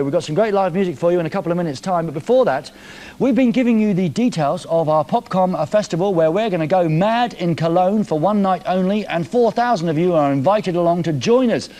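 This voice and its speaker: A man's voice: sits high, darkish tone. A man hosting a live television music show from a studio, reading viewer messages in a jokey, teasing, playful way.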